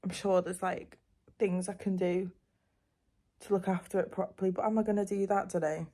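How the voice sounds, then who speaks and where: A woman's voice: medium pitch, steady tone, normal speed, dark tone. A young woman with a Liverpool accent, chatting casually at home as a vlogger, rambling with lots of "um" and "like". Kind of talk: casual chat to camera.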